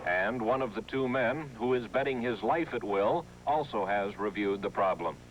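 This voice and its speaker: A man's voice: lowish voice, normal speed, lo-fi sound. An American man reading a scripted television news report as a correspondent. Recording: noisy vintage 1960s TV broadcast, hum.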